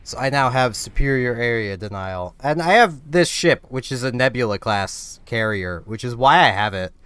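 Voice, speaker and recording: Recorded cleanly with no echo, a man with a medium, fairly bright voice and lively intonation talks at normal speed. Congested and coming down with something, he rambles through casual gameplay commentary, laughing often at his own expense.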